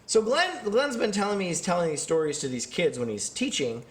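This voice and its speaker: A man's voice: sits high, lively intonation, a little fast. A man in his thirties talking casually about his training and commenting on workout footage, rambling and self-deprecating, with many fillers and restarts. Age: 30s. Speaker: vlogger and strength athlete.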